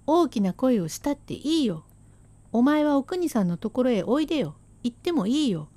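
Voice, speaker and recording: A woman's voice: high-pitched, big pitch swings, moderate pace, warm tone, dry recording. A woman doing a sarcastic scolding Edo wife. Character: sharp-tongued hardworking Edo wife, scolding and reproachful. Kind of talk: rakugo storytelling.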